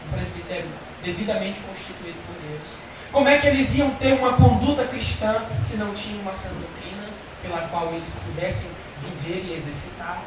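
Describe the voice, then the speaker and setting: A man's voice: sits high, background noise. A Brazilian Portuguese-speaking man preaching an expository sermon in a church, emphatic and repeating key phrases for stress. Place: church hall. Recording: very echoey church hall, mic at a distance.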